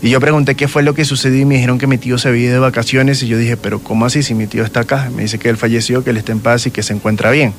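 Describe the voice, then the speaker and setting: A man with a Venezuelan accent and a mid-range, level voice appears as a guest who calls himself a medium, telling personal stories conversationally. He talks rapid-fire with few pauses, frequently adding check-in tags to make sure the listener follows, over slight background noise.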